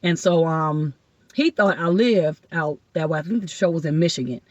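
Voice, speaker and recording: A woman from Ohio, a guest comedian, telling rambling, excited stories in casual podcast chat. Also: low voice, moderate pace, dry recording. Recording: dull lo-fi dry sound.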